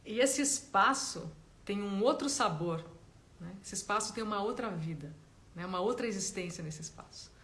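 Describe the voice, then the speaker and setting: Brief: woman teacher leading a live meditation talk, soft and explanatory, medium pitch. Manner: gentle, explanatory, frequent "né?" tags.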